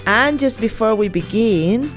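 A woman's voice: fairly high pitch, expressive, measured pace, soft background music. A native Spanish-speaking woman co-hosting an educational language podcast, mixing Spanish and English in Spanglish as she talks.

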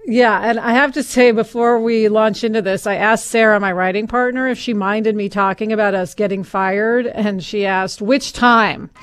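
An American woman chats casually as a podcast co-host. Her voice carries a gravelly vocal fry and some hoarseness, at an average pitch for a woman. She comes across as self-deprecating. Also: fairly even intonation, normal speed. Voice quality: somewhat hoarse.

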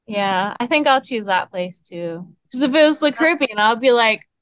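A young woman co-hosting a podcast who leads the questions in a brisk, decisive, casual way. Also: fairly high pitch, fairly bright tone, no echo. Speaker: podcast co-host. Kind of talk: casual chat.

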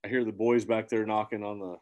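This central Illinois musician, a guest in a relaxed interview, has a lowish, fairly mellow voice that stays level and runs fairly quick. He rambles earnestly and keeps restarting his sentences.

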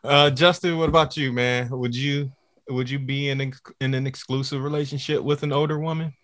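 A man's voice: medium pitch, fairly even intonation, fairly quick, fairly bright tone, no echo. Easygoing man hosting a podcast. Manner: easygoing, laughs often. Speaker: podcast host. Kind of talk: casual chat.

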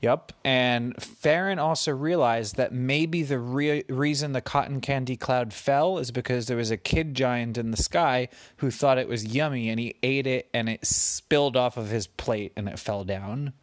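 A father spinning a bedtime story for his child at an unhurried pace. His voice is gentle and patient, recorded close and dry with a medium pitch. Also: no echo.

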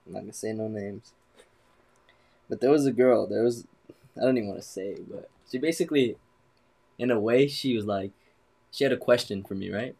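Slangy young man with a low voice. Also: normal speed, creaky, pauses often, a little mellow. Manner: slangy, swears freely, calls people "bro". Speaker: podcast co-host. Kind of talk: casual chat.

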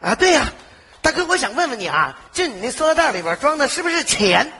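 A man's voice: extremely high pitch, sing-song, pushed and bright, full character voice. A male actor playing a pushy young man after his lost money, bickering and wheedling in a live stage comedy sketch. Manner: wheedling, bickering, quick comebacks. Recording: live stage with audience laughter and noise.

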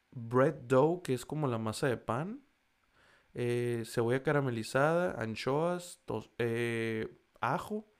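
A man with a Mexican accent chatting casually in slangy, profane Spanish, stumbling over foreign food names as he reads a list. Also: mid-range voice. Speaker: vlogger. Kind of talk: casual chat reading a list.

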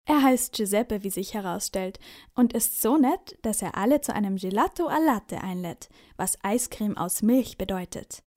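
A woman narrating a children's bedtime story in a clear storytelling manner. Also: mid-range voice, lively intonation, moderate pace, darkish tone.

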